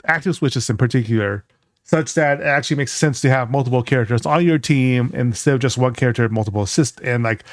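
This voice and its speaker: A man's voice: medium pitch, dry recording, clean studio sound. A man hosting a reaction video, giving casual, analytical game commentary as he thinks aloud.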